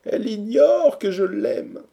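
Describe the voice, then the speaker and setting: A man voicing a lovesick, theatrical young gentleman in a storybook reading, pleading and declaiming in a raised voice. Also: high-pitched, big pitch swings, slow pace, vocal fry, muffled recording, voice pushed up, exaggerated voice. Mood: lovelorn.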